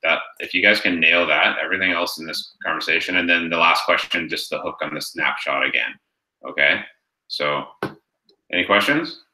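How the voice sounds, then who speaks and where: Male sales coach, low and forceful, energetic delivery, roomy echo. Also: moderate pace. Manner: energetic, punchy, keeps asking "right?". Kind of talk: coaching session on a group call.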